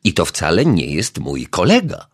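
A polite, mild-mannered detective from a children's audiobook, as the narrator voices him. He talks gently, a touch sheepish, slightly above the narrator's pitch. The tone stays soft and breathy. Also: wildly swooping pitch, moderate pace, heavily acted. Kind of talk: audiobook character voice.

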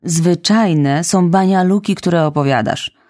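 A woman voicing a stern, practical middle-aged woman who speaks briskly and firmly. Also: lowish voice, expressive, a little mellow, no room sound, studio quality. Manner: brisk, firm.

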